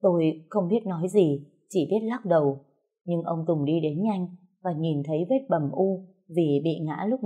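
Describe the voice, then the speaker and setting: A woman narrating a first-person story in a calm, somber, steady way. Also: fairly low pitch, slightly rough, highs cut off.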